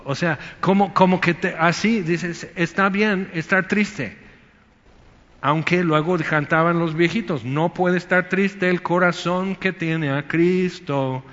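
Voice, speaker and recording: A man's voice: high voice, fairly even intonation, takes it slowly, fairly bright tone, in a large hall, dull audio. A male pastor preaching a Sunday sermon in a conversational way, acting out quotes and asides.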